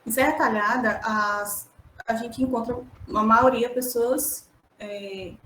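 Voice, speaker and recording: A woman from the Brazilian Northeast, a student, sharing an example in class hesitantly with filler pauses. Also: on the high side, fairly even intonation, bright, forceful tone. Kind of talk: classroom contribution over a call. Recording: echoey room, faint background hum.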